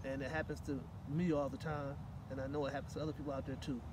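This is a middle-aged man reading a children's picture book aloud as a guest at an outdoor park table. He speaks quickly at a medium pitch with little pitch movement. A distant microphone picks up light outdoor noise.

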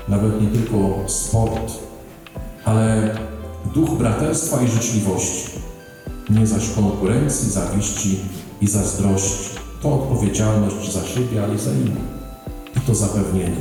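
Male priest, measured homily delivery, long hall reverb under clear music. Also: fairly low pitch. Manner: measured, solemn, with deliberate pauses.

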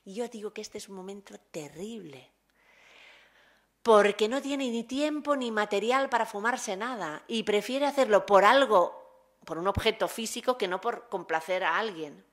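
A woman's voice: medium pitch, normal speed. A woman researcher giving a conference talk, retelling a short film vividly and acting out its dialogue.

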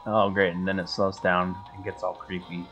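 A man's voice: deep voice, level tone, normal speed, fairly bright tone, lo-fi sound. A man in his thirties giving casual, reactive commentary as a game streamer on a headset. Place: small indoor room. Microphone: headset at a desk. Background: faint game music.

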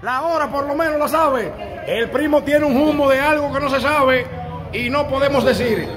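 A Dominican man reporting live from a city street on a handheld phone, his voice sitting very high. He jokes, whoops and shouts over a noisy crowd around him. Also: normal speed. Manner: excitable, joking, whoops loudly. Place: outdoors on a city street by a courthouse.

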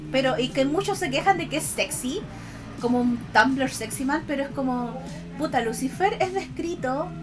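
A woman with a Chilean accent chatting casually on a livestream to her viewers, expressive and affectionate in a cutesy, girlish e-girl manner. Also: sits high. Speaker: VTuber art streamer. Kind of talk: casual livestream chat, reading and answering viewers' comments. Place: indoors at a computer. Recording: music behind the voice.

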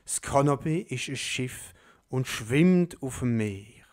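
Slow-reading male storyteller. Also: medium pitch, expressive, a little mellow. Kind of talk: reading a dialect story aloud.

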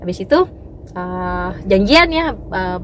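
A young adult woman giving a personal church testimony. She tells it as a lively story, with many fillers and restarts, and turns to the audience directly. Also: medium pitch, slow, slight background noise. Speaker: testimony speaker.

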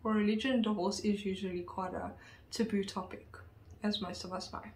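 A woman's voice: mid-range voice, fairly even intonation, brisk. Chatty woman, roomy sound. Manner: chatty, lots of fillers and asides. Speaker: true crime vlogger. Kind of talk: casual storytelling. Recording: roomy echo.

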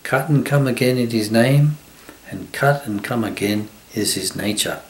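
An older man voicing a rough, good-natured sailor who talks in plain slangy speech. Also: mid-range voice, measured pace, roomy sound, close to an everyday voice. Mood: boastful. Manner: rough colloquial talk.

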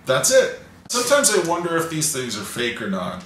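A man in his forties, co-hosting a casual chat with a friend on a couch, is dry, wry and teasing, and reads ads aloud. His bright, slightly sharp voice sits on the high side with wildly swooping pitch at a normal speed. A camera a few feet away catches him distantly in a roomy, echoey living room over a faint hiss.

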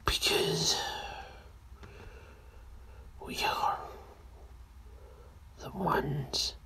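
A man voicing a sinister, creepy hoodie man in a homemade video skit, speaking in a hushed whisper. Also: drawn-out words.

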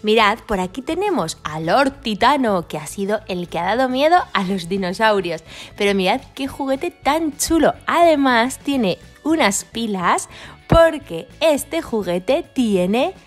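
A high-voiced woman hosts a children's toy channel, narrating a story and showing toys. She speaks brightly and addresses children directly, with faint music behind her. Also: sing-song, unhurried. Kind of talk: storytelling and toy review for kids.

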